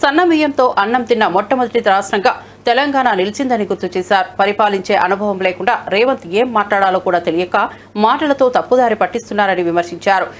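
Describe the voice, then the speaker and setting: A woman news anchor reading scripted bulletin items in a brisk, formal manner. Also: mid-range voice. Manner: brisk, formal newsreader delivery.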